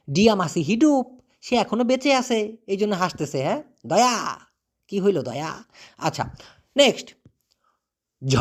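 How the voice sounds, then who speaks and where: A man from Bangladesh giving a casual spoken language lesson. He repeats each word, asks his own questions and answers them, and drops in jokey asides. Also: high voice. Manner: lively teaching voice with jokey asides. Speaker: language teacher.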